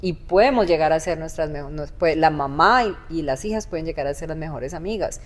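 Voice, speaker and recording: Low-voiced woman teaching emphatically. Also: a little fast. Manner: emphatic, instructive, repeats points with rhetorical "¿sí?". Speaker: host and mother.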